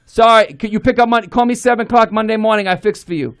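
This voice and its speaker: A man's voice: high-pitched, fast, fairly bright tone, slight background noise. A man voicing a blunt male car mechanic with a Chinese accent, scolding in clipped broken English.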